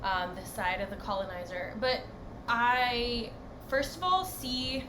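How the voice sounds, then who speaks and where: A woman's voice: on the high side, takes it slowly. Young woman in an echoey, noisy room. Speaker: podcast co-host. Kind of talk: casual chat. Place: home, far from the other host. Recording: echoey room with background noise.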